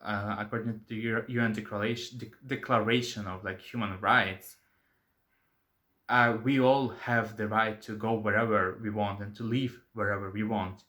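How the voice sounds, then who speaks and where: A man's voice: on the low side, steady tone, moderate pace, sharp tone. A man hosting his own channel, giving his opinion in a casual, hesitant vlog with many fillers. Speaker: channel host.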